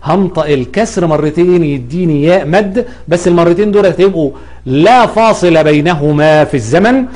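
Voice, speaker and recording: High-voiced Egyptian Arabic teacher. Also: male voice, brisk, a little mellow. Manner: explanatory, drawing out sounds to demonstrate pronunciation; corrective, emphatic about common mistakes. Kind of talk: audio grammar lesson.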